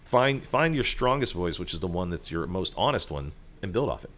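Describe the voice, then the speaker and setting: A man with a very low, deep voice talks through the voiceover business in a loose, chatty way. He drifts into asides and fillers as he explains. It was recorded at a restaurant table. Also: very animated, fairly quick, fairly bright tone. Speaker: voiceover artist and sound designer, guest. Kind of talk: conversational explaining.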